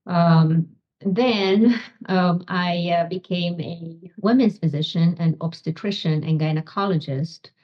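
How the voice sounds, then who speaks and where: A Romanian-born woman in middle age answers interview questions at a very unhurried pace, pausing often with ums. Her voice sits a little low, and the recording sounds dull and lo-fi. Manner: slow, halting, many ums. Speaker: guest, physician and author.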